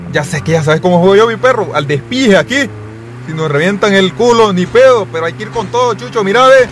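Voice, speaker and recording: A young man calls out his shooter match live, his voice sitting high. He is excitable and talks in crude street slang to his viewers, with a faint hiss of noise behind him. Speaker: gaming streamer. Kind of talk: live gameplay commentary.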